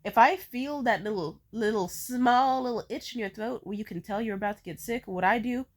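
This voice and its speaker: A woman who is sick with a stuffed-up nose rambles casually. She complains with theatrical, animated emphasis and swears freely as she tells her stories. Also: on the high side, normal speed. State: sick with a cold, congested nose. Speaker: vlogger. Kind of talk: casual rambling storytime chat.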